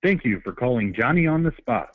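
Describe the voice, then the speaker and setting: A man's voice: medium pitch, a little fast, husky, no echo. A man giving a formal, scripted recorded greeting for a business phone menu, heard over a landline phone. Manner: even, formal recorded announcement. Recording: narrow, dry phone-line sound.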